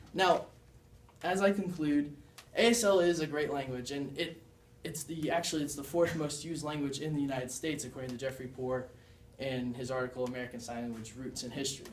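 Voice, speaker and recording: A man's voice: on the high side, slight background noise. A young man giving a class presentation as a student, explaining and demonstrating signs in an earnest way. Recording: echoey room, mic far off.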